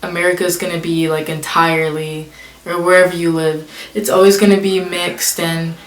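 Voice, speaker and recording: Her pitch fairly low and barely moving, a young woman vlogger talks at a moderate pace through tag questions. She reads them aloud one by one and answers in a chatty way, leaning heavily on "like." Echo from the room is audible.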